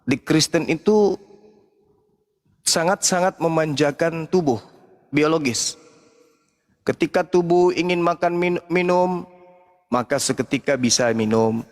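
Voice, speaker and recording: A man arguing in a heated interfaith debate, preachy and mocking, at times mimicking shrill cries for help. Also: measured pace, long pauses, long reverb tail.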